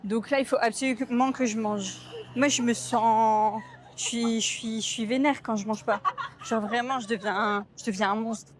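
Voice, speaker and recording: A woman's voice: on the high side, steady tone, normal speed, background noise. A young woman vlogging casually to camera, rambling and self-mocking with slang and fillers, upset and hungry. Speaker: travel vlogger. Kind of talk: casual vlog chat to camera. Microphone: camera mic.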